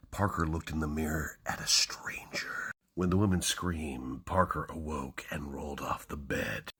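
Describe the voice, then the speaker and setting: A man giving a hammy, theatrical dramatic reading, launching lines loudly and dropping to hushed, breathy endings. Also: extremely low pitch. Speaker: book enthusiast reading aloud.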